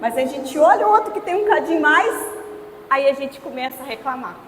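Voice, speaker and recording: Brief: woman preacher, high voice, chatty storytelling sermon, booming hall reverb. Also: expressive, fairly quick, a little hiss or hum. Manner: storytelling, conversational asides to the congregation. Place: church hall. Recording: echoey church hall.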